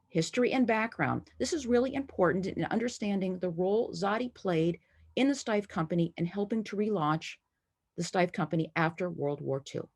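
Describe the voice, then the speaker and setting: A woman from the United States talks warmly and with enthusiasm, walking through a prepared presentation as if to a friendly audience. Her voice sits a bit low and has a husky edge. She speaks to a camera from home, with light playful asides. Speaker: collector presenting a talk. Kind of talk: prepared presentation over slides.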